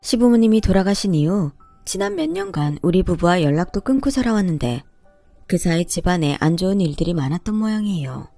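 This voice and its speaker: Warm-voiced woman narrating a story. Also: fairly low pitch, a little fast, no echo, soft background music. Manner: calm, conversational storytelling. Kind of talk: first-person story reading.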